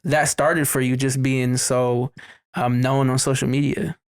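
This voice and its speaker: A man in his twenties with a Midwestern American accent hosting a podcast, easygoing and quick to laugh along. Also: mid-range voice, steady tone, clear, resonant tone. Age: 20s. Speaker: podcast host. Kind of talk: casual podcast chat.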